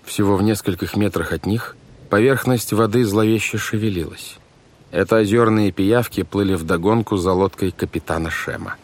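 A man narrating a storybook in a measured, expressive reading style. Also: lowish voice. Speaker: audiobook narrator.

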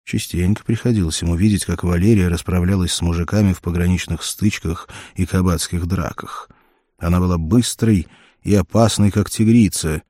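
A man narrating an adventure audiobook in a steady, measured reading voice. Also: sits low, no echo, clean studio sound. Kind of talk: scripted narration.

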